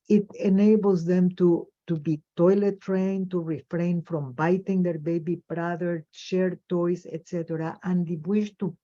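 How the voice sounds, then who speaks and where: A woman presenting a webinar talk on child development, unhurried and deliberate, often pausing to find her words. Her voice is mellow and warm. The audio is dull and lo-fi, like a computer microphone on a video call. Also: fairly low pitch. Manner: measured, thoughtful, with pauses and fillers. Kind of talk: webinar lecture.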